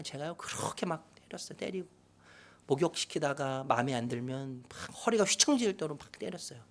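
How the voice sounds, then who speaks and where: A middle-aged man preaching a sermon as pastor, swinging from loud, animated outbursts to hushed whispers. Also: medium pitch. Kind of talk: sermon with acted quotes. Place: church sanctuary.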